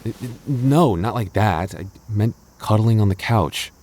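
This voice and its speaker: In an intimate audio roleplay, a man with a lowish, darkish voice plays a clingy, jealous boyfriend at a measured pace. He stammers and acts mock-indignant, playfully grumbling yet affectionate.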